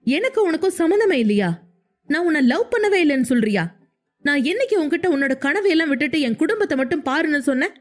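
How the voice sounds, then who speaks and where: A woman's voice: a little high, moderate pace, faint music behind, lightly acted. A woman reading an angry hurt young husband. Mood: angry pleading. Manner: heated, insistent questioning.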